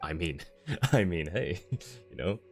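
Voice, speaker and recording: His voice is low-pitched and slow, with big swings in pitch, and soft background music runs underneath. As host of a game livestream, he chats casually with viewers, friendly and apologetic, reading chat and game dialogue out loud.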